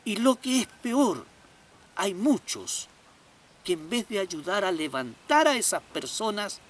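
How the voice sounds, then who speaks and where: Comic preacher, high voice, very lively delivery, folksy jokes. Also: male voice, slow pace. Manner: animated, folksy joking. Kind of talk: comedic sermon.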